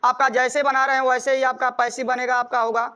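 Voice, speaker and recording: A native Hindi speaker with a North Indian accent teaches a grammar lesson, emphatically repeating points and dictating examples word by word. His voice is very high-pitched, clear and resonant with a sharp tone, delivered flatly at a fairly quick pace.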